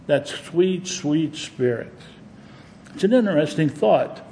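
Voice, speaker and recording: A man's voice: a little high, lively intonation, slow, mellow, slight background noise. Folksy preacher, man. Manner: folksy, humorous storytelling. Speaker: pastor. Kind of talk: sermon.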